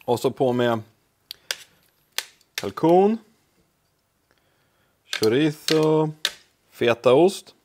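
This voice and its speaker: A man's voice: medium pitch, lively intonation, long pauses, dark tone, a little hiss or hum. A man hosting a casual home cooking video, talking to the camera while he cooks, with offhand, self-deprecating asides. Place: home kitchen.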